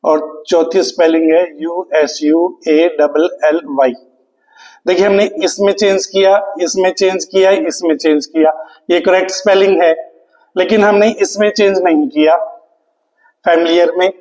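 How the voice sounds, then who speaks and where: A man's voice: sits high, fairly even intonation, measured pace, darkish tone, echoey room, big-room sound, poor audio. A man teaching English spelling to exam students, spelling words out letter by letter and asking the class questions he then answers himself. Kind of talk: exam prep lecture.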